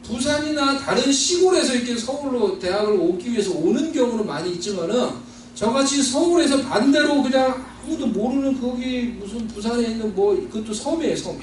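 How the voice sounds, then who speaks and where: Male preacher from Seoul, earnest testimony; distant mic in a roomy hall, faint background hum. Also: very high-pitched. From Seoul, South Korea. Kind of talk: sermon testimony.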